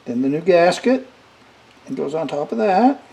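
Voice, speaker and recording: A middle-aged repair demonstrator talks while he works, halting and in no hurry, giving a casual tutorial. His voice runs a little high, with a creaky, dark, sing-song quality. A camera over the workbench records him in a noisy indoor shop as rain pounds the tin roof.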